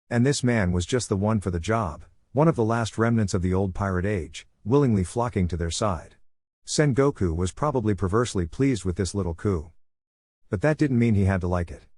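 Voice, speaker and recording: Guy reading a fanfic story, lowish voice, dry close sound, steady pace. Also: no echo. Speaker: narrator. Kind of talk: scripted story narration.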